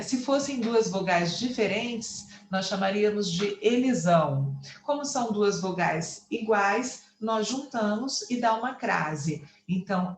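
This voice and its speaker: A woman's voice: mid-range voice, a little mellow, roomy sound. A Brazilian woman teacher with a Brazilian Portuguese accent, explaining a lesson patiently and counting syllables aloud. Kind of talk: online class lecture.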